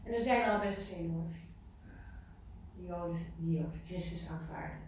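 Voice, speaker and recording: A woman giving an informal sermon to a small group, lively and full of questions to her listeners, repeating words for emphasis. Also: on the low side, normal speed. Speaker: preacher. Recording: echoey room from far off, faint noise.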